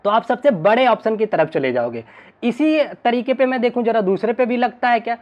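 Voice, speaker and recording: A male teacher with a very high voice and lively intonation talks fairly quickly in an online exam-prep class, with the highs cut off in the audio. Chatty throughout, he constantly checks in with students using "ठीक है ना".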